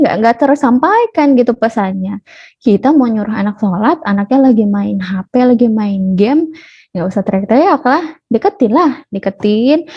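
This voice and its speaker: Chatty woman on a dull webinar line. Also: fairly high pitch. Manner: chatty, playfully acts out parents scolding. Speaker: parenting class speaker. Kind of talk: casual online webinar talk. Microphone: video call.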